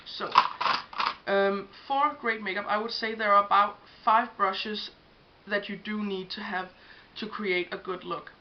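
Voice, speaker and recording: A young Danish woman, whose English is her second language, shows makeup brushes in a casual beauty tutorial. Her mid-range voice is steady and measured, though she's chatty and hesitant with many ums. It's a dull lo-fi home recording with faint hiss.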